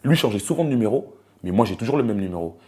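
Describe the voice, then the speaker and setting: A man's voice: fairly low pitch, expressive, quick pace, dark tone. A man, repeating phrases and quoting phone calls. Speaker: interviewee, media boss. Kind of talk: casual interview storytelling.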